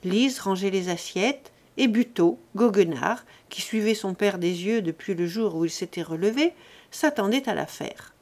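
Woman audiobook reader, mid pitch, steady clear narration. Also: normal speed. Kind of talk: novel reading.

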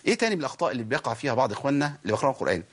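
A man's voice: medium pitch, sing-song, racing, fairly bright tone. A man with an Egyptian Arabic accent teaching Quran recitation, explaining each rule and asking and answering his own questions. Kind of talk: tajweed lesson.

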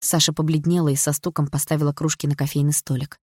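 A woman reading an audiobook in an even, storytelling way. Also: deep voice, quick pace, dry recording, clean studio sound. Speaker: audiobook reader. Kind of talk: scripted narration.

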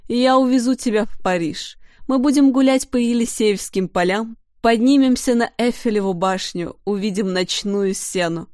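A woman's voice: mid-range voice, animated, moderate pace, a little mellow, no echo, studio quality, lightly acted. A woman reading an audiobook voices a cheeky, amorous male winged creature who grumbles and boasts in a theatrical way.

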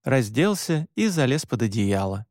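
A man reading a first-person story aloud as an audiobook narrator, in an even, measured way. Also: medium pitch, no room sound, studio quality.

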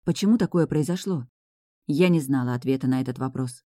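Low-voiced woman narrating an audiobook. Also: a little fast, mellow, dry recording, clean studio sound. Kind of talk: first-person audiobook narration.

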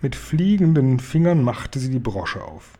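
A man reading a children's storybook aloud, lively and stretching key phrases for effect. His voice is husky and dark, of middle pitch. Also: measured pace. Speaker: reader.

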